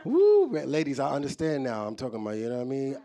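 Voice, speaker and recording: Speaking rapid-fire in a mellow, medium-pitched voice, this New York comic performs a live set in an office building. He keeps it loose and addresses the audience head-on.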